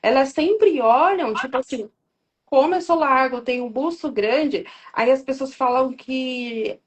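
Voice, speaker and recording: High, husky woman hosting a podcast. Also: unhurried. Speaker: podcast host. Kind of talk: casual podcast chat.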